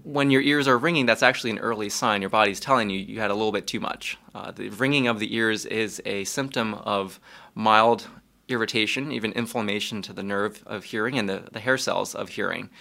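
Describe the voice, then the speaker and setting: A man explaining ear health as a doctor on a podcast, calm and measured, with small restarts. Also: on the low side, creaky. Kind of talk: explaining medical facts.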